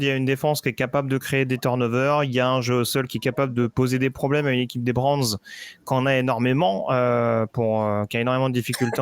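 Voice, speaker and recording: On a podcast, a man working as a football analyst offers casual predictions in a clear, resonant mid-range voice, frequently hesitating, using fillers, and starting over.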